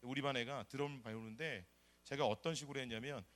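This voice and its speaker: A middle-aged man from South Korea, a pastor preaching a sermon and telling his own story, animated and acting out the people he quotes. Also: mid-range voice, a little fast. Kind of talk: sermon with personal testimony.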